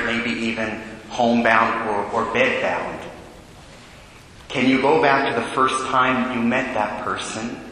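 A man serving as priest, reading the gospel and preaching in a large church with a cathedral echo, measured and solemn. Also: medium pitch, sharp tone. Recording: long echoey church reverb, faint hiss.

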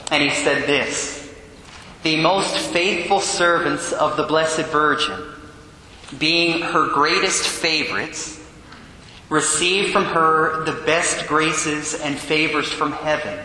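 Priest preaching under cathedral echo. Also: male voice, sharp tone, slight background noise. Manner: earnest, measured preaching. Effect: booming cathedral echo. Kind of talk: gospel reading and homily at Mass. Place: large church. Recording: long echoey reverb in a large church.

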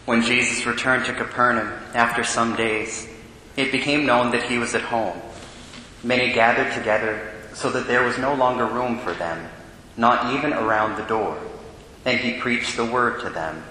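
A man serving as priest, reading the gospel and preaching in a large church with a cathedral echo, measured and solemn. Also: medium pitch, fairly even intonation, pushed and bright. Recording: long echoey church reverb, faint hiss.

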